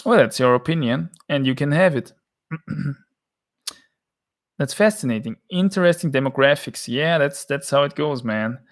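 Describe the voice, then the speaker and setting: Gravelly Austrian man chatting on stream. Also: on the high side, expressive, moderate pace, long pauses. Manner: rambling, joking, reads chat comments aloud. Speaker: streamer answering chat. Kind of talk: casual livestream chat.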